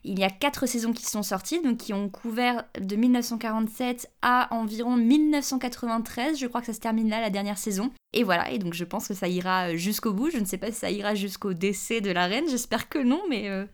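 Femme invitée de podcast, explications posées. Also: female voice, on the high side, fairly quick, hardly any pauses. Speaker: podcast guest and host of her own podcast. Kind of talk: casual podcast chat.

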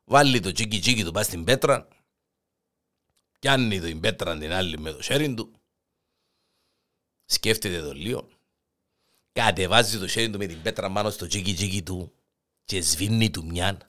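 A man with a Cypriot Greek accent telling a joke as the show's host, in an animated, rambling way. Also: sits low, long pauses. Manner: animated, rambling, restarts words. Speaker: joke teller. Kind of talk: comic storytelling.

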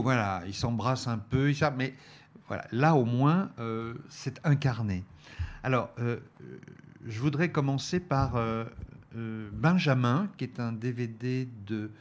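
A man talks through a film selection at an unhurried pace. His voice sits at an ordinary middle pitch, and he keeps stopping to search for words. The hesitant, filler-heavy delivery sounds like casual review chat. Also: a little mellow. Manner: hesitant, many fillers and restarts. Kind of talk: radio-style review chat.

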